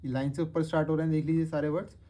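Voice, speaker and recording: A man teaching shorthand step by step, slowly drawing out words to show their sounds. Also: a little high, flat delivery, dark tone. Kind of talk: step-by-step lesson.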